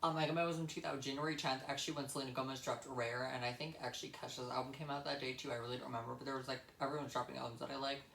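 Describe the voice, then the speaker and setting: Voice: medium pitch, level tone, rapid-fire, creaky, few pauses, a bit bright, slight background noise. A young adult vlogger telling a personal story in a casual, rambling way, blunt and emphatic, with free swearing. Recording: echoey room.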